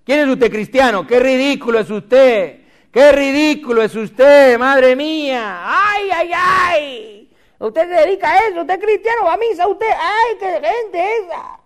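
A man's voice: extremely high pitch, sing-song, brisk, hardly any pauses, dark tone, pitched above the performer's own voice. A man playing a cackling, sneering mocker. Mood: sneering mockery. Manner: mocking laughter, exaggerated dismay.

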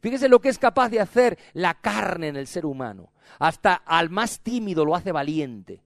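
High-voiced, emphatic male preacher. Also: big pitch swings, normal speed, creaky, a bit bright, no room sound, clean studio sound. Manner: emphatic, repetitive, dramatic. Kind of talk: sermon.

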